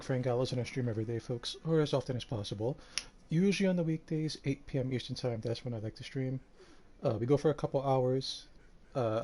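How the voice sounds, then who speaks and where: A man streaming a game live, tired and a bit out of breath, talking in a relaxed, rambling way with lots of fillers. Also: medium pitch, slight background noise. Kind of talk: casual live-stream commentary.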